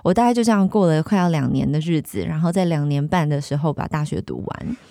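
A woman in her thirties with a Taiwanese Mandarin accent, a guest candidly telling her life story in a lively, animated way. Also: low voice, quick pace, dry recording, clean studio sound.

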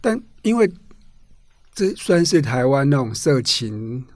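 A man's voice: mid-range voice, sing-song, slow, no room sound, clean studio sound. A man with a Taiwanese Mandarin accent hosting a casual interview, asking questions and summing up attentively.

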